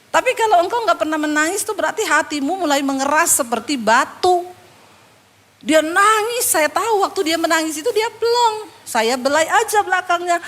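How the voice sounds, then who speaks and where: Woman pastor, high-pitched, animated sermon storyteller with humor. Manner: animated, joking, swings between hushed asides and loud punchlines.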